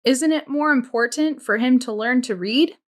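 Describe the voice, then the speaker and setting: A woman's voice: sits high, normal speed, pitched above the performer's own voice, natural voice. A woman reader voicing an earnest teenage boy who reasons and questions in his own defence. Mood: earnest, defensive.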